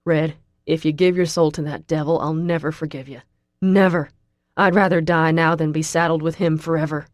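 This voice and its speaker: A woman voicing an injured young man who shouts and pleads in pain. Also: fairly low pitch, slow, gravelly, dry recording, clean studio sound, heavily acted. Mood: desperate. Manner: shouting, groaning in pain, desperate. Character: injured furious young man, Southern drawl.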